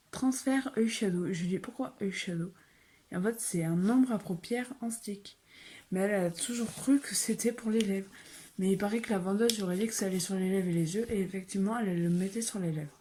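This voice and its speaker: A woman vlogger chatting casually through a beauty haul, soft-spoken and often slipping into a whisper. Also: medium pitch, slight background noise. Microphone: phone.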